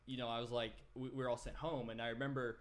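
In a small podcast room, a guest videographer in his twenties speaks fast at medium pitch with little pitch movement. His casual story rambles, full of fillers and restarts, and a desk mic on a boom arm captures it.

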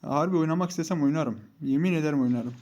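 A young man talks over his mobile game as he plays it. He scolds and mocks his teammates with heat, and his voice sits a little higher than most men's. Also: rapid-fire, darkish tone. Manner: heated, scolding and mocking teammates. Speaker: gaming YouTuber. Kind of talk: live mobile game commentary.

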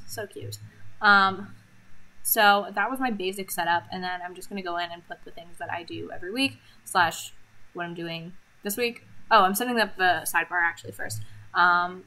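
A woman's voice: lowish voice, bright, forceful tone, low-quality recording. A woman vlogger chatting casually over her planner setup, rambling with lots of ums and little laughs.

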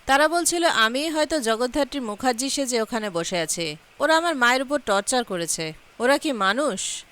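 A woman reading the lines of a bold, sharp-tongued young woman who teases and scolds, in a slightly high voice. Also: animated, normal speed. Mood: scolding. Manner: teasing, scolding.

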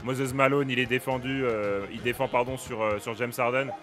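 A young gaming streamer plays a basketball video game, giving excitable, casual commentary and often shouting at the action and laughing. His voice is medium-pitched at normal speed, with faint music in the background.

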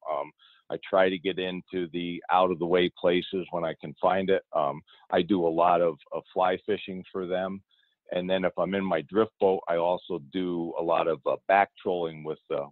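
A middle-aged fishing guide with a deep voice answers interview questions in an easygoing way, often repeating words and restarting sentences. He's outdoors in a boat on the water, and the recording has no echo but sounds tinny, like a phone line.

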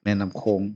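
A man's voice: dark tone, lo-fi sound. A man with an Isan Lao accent giving an informal Buddhist sermon as abbot, chatty and chuckling often. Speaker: abbot giving a Dharma talk.

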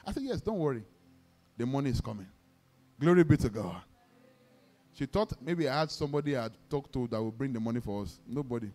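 A man with a Nigerian accent, a pastor preaching a sermon, telling stories with acted-out dialogue and leading the congregation in call-and-response declarations. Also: fairly high pitch. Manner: exclamatory, peppers talk with praise shouts; vivid storytelling, acts out dialogue.

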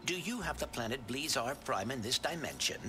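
A man's voice: mid-range voice, animated, brisk, lightly acted. Little nerdy robot guy done by a man, mild n proper, very precise, sing-song, game music under. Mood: calm, polite. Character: small polite, brainy male robot sidekick. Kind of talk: animated video game dialogue.

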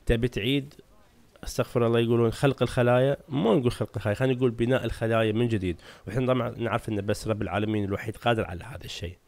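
A man's voice: medium pitch, fairly even intonation, racing, darkish tone, no room sound. A man explains game lore at a breakneck clip, chatty and always checking in with his viewers. His voice is recorded dry and close, with no room sound around it. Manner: chatty, asks the audience "right?". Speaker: gaming channel host.

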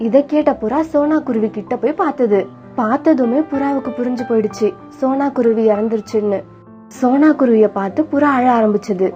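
A woman's voice: fairly high pitch, brisk. Woman narrating a sad cartoon story. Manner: sorrowful, steady telling. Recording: dull lo-fi with faint music.

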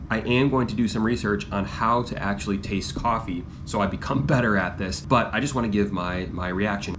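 A man's voice: fairly low pitch, noisy background. A young man talking casually to the camera as a running vlogger, chatty and self-deprecating. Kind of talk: casual vlog chat.

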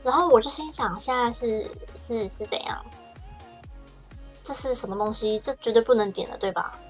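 A young Taiwanese woman in her twenties with a fairly high voice, talking casually into a desk microphone during a livestream. She rambles and stumbles over her words, and faint music plays under her voice. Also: moderate pace. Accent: Taiwanese Mandarin. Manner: chatty and rambling, with frequent stammered restarts.

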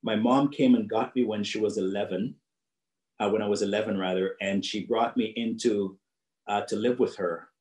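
This guest speaker, a middle-aged Jamaican man with a Jamaican accent, talks earnestly to young people about his own life over a video call from his home office. His voice is fairly low and a little mellow, with fairly even intonation at normal speed, and he repeats phrases for emphasis. The sound is reverberant.

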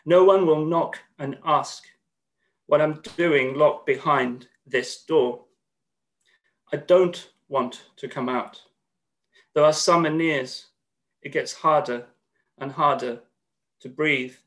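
A man in his thirties from Greece, a poet speaking with slightly nervous earnestness and reading his poems in a measured way on a video call from a room at home. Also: on the high side, a bit bright. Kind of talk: poetry reading at an online launch.

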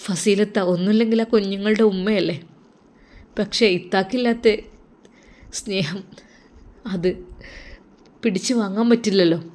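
A woman's voice: mid-range voice, steady tone, moderate pace, pauses often, darkish tone, close to an everyday voice. A woman voicing a caring younger brother who talks in a soothing, reassuring way in a storybook. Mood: consoling. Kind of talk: storybook narration.

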